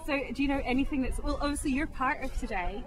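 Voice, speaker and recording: A woman hosting a podcast and interviewing a guest outdoors, bubbly and giggly, firing off quick questions. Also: high voice, a crowd in the background. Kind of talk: casual interview. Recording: noisy outdoor recording.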